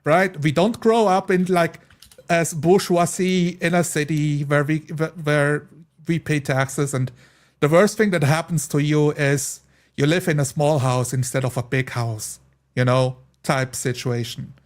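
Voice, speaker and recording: A tabletop player holds forth casually and at length in a podcast-style chat, rambling with emphasis and voicing imagined speakers. His high-leaning voice stays steady in tone, at a measured pace.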